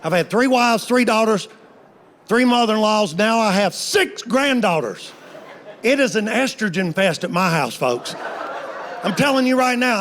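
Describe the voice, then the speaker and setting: A man in his 50s with a high voice performs stand-up, spinning folksy stories capped with playful punchlines while background noise runs underneath.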